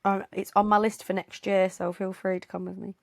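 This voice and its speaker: A woman's voice: medium pitch, flat delivery, fairly quick, dry recording. A woman co-hosting a podcast in casual chat, hesitant with many restarts. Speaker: podcast co-host.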